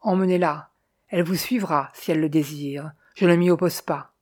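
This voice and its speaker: A woman reading an audiobook voices a haughty male hypnotist who speaks slowly, calmly and from a lofty distance. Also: sits low, slightly rough, dry recording, clean studio sound. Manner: slow, lofty and calm.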